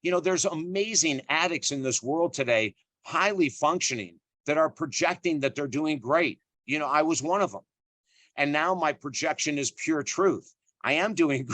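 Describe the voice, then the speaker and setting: A man's voice: a little high, fairly bright tone, dry recording. A middle-aged man, an author speaking as an interview guest, talking emphatically and earnestly with lots of "you know" fillers and repeated phrases. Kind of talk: conversational interview.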